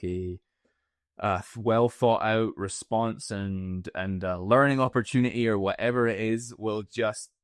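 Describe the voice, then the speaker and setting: A man with a lowish voice co-hosting a casual podcast, reflecting out loud in a measured, thoughtful way. He is recorded close to the mic with a dry sound and no room echo. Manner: reflective, measured, thinks aloud with restarts. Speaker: podcast co-host.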